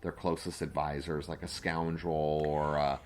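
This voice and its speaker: A man's voice: rumbling low, flat delivery, a little slow. A man co-hosting a podcast in a casual, rambling chat, full of fillers and restarts. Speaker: podcast co-host and game master.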